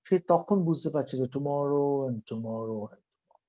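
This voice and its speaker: A man reciting as a grave, slow tragic king. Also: mid-range voice, mellow, highs cut off, voice pushed down, lightly acted. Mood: somber. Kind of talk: dramatic verse recitation.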